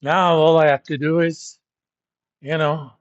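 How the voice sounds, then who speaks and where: A man's voice: fairly high pitch, flat delivery, measured pace, no echo, lo-fi sound. A middle-aged man from Turkey who teaches at a university, lecturing his class in a blunt, joking, informal way. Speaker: university professor.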